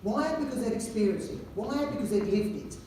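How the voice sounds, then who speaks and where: Male headteacher with a London accent, animated anecdotal speaker; distant mic in a reverberant hall. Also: extremely high pitch, brisk, a little hiss or hum. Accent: London English. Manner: jokey storyteller, animated, self-mocking. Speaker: headteacher giving a talk. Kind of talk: anecdotal presentation to an audience. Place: large hall with audience.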